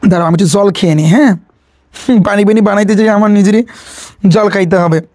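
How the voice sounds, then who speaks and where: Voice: mid-range voice, brisk, darkish tone. A tutor gives an exam-prep lecture. The tutor drops English words into the explanation and keeps asking listeners questions, often repeating them.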